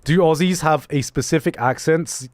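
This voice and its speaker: Reading out viewer messages during a casual livestream, this young man speaks with a mixed accent that leans slightly British. He's animated, laughing a lot and making many quick restarts, and his voice is on the high side on a dry recording.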